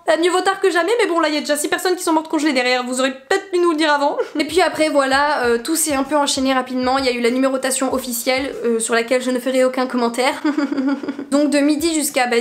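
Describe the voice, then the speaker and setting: High-voiced young woman vlogging chattily. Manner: chatty, animated storytelling with laughs and exaggeration. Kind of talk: casual vlog advice.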